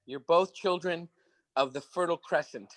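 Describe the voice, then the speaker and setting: A man's voice: a little high, normal speed, a bit bright, poor audio. A man hosting a video-call gathering, introducing guests with playful, repeated phrases. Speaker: host.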